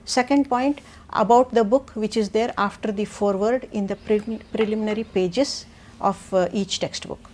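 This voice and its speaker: A woman's voice: medium pitch, moderate pace, a little mellow, a little hiss or hum. A woman with a South Indian accent giving a methodical, point-by-point explanation as an education expert on a panel. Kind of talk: explanatory panel talk answering questions.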